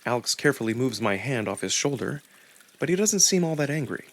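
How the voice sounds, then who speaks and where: In a medium-pitched voice, a man reads a visual novel as its narrator, carrying the first-person story along deliberately and expressively.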